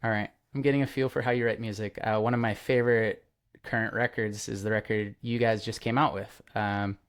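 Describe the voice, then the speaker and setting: A young male podcast host chats casually and enthusiastically in an interview, rambling with lots of fillers and restarts. His voice is lowish, steady, fairly quick and clean in tone.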